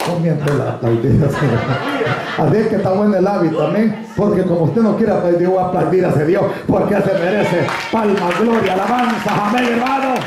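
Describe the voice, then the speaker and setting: A male pastor preaching an animated sermon, urging the congregation to say amen and swinging his voice up toward near shouts. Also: high voice, a little fast, crowd noise, noisy background. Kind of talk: lively Spanish sermon with congregation responses. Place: church hall with congregation. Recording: very echoey church hall with congregation.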